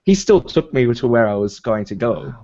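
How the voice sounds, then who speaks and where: A hesitant man tells a story on a podcast over a video call, stumbling through ums and restarts and laughing often. His voice sits at a middle pitch. The call audio is dull and lo-fi. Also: big pitch swings, moderate pace, warm tone. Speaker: podcast co-host.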